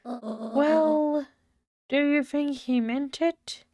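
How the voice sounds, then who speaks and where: A woman voicing a kindly, wise grandmother who gives soft, measured advice. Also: high voice, no room sound, clean studio sound, faint music behind, voice pushed up. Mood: gentle.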